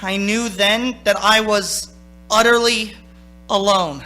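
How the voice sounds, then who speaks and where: In this radio play with music, a male actor voices a haunted, nervous young driver, telling the story in first person with stammering urgency and theatrical flair. His voice sits high and steady, moving slowly with a sharp, exaggerated edge, and the mood is dark and brooding.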